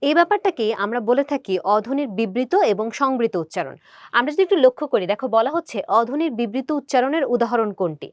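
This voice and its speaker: A woman's voice: a little high, expressive, dry recording, clean studio sound. A young woman teacher explaining grammar in an exam prep lesson, talking straight to her students. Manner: brisk, explanatory, addresses students directly.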